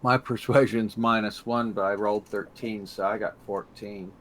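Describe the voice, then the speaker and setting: A man's voice: on the low side, fairly even intonation, moderate pace, fairly bright tone. A man playing a tabletop role-playing game casually, with somewhat stiff, formal phrasing.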